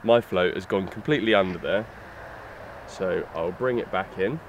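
A young man giving a lakeside fishing tutorial, explaining steps in a relaxed way with fillers as he handles his gear. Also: low voice, moderate pace, dull audio. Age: young adult. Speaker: fishing instructor. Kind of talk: outdoor tutorial demonstration. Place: lakeside outdoors. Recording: faint outdoor noise.

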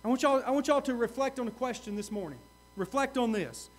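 A male pastor preaching a sermon, earnest, repeating key questions and swinging from loud to hushed. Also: very high voice, fast.

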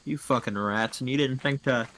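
A man chatting during a co-op video game, shouting quick excited callouts and swearing. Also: medium pitch, a little hiss or hum, poor audio. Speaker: gamer. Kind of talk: casual co-op game chat.

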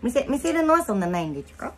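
A woman's voice: a little high, sing-song, very fast. A woman playing a coy, innocent three-year-old in lisping baby talk during a prank call. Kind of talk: prank role-play on a call.

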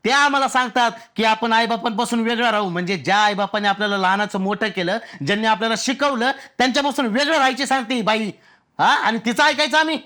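An actor playing a frustrated young bachelor desperate to marry, ranting indignantly in a comic podcast sketch. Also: male voice, high voice, steady tone, quick pace, hardly any pauses, pushed and bright. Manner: indignant ranting, exasperated complaints.

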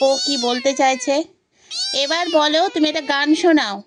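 A pet vlogger with a high voice chats playfully to her cats and her viewers, coaxing and teasing them at a moderate pace. There's background noise in the recording.

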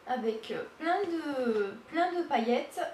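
A woman talks through makeup swatches in a high voice, hesitating with fillers and gushing over every shade. She sounds set back from the mic in an echoey room. A faint hiss runs under her voice. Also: expressive, takes it slowly, darkish tone, recorded from a distance. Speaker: beauty vlogger. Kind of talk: casual makeup swatch demo.

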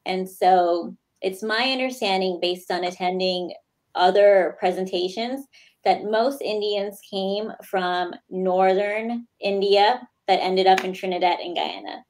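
A woman's voice: medium pitch, measured pace, darkish tone, low-quality recording. American woman explaining on a video call. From United States. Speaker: guest, lawyer. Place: small indoor room. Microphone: video call webcam.

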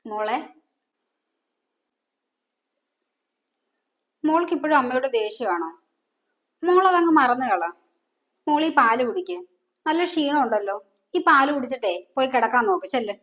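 A woman's voice: high voice, animated, a little fast, a bit bright. An actress playing a scheming widowed mother who talks curtly and dismissively. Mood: coaxing. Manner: curt, dismissive, scolding. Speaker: actor. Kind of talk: family drama acting. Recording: dull lo-fi sound.

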